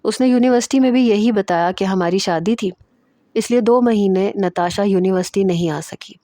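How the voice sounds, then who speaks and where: A woman reading a first-person romantic story aloud in a steady, expressive way. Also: medium pitch, dry recording, clean studio sound.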